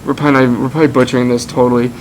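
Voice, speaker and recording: Casual young male travel vlogger, chatty, middle pitch, faint background hum. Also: flat delivery, racing, low-quality recording. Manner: chatty, explains to camera. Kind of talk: casual vlog chat.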